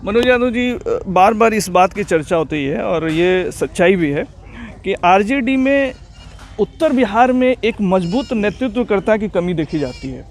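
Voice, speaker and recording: Brief: male reporter, notably high voice, formal long-winded questions. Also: lively intonation, unhurried. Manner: formal questions, constant soft "hmm" acknowledgements. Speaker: interviewer. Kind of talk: news interview.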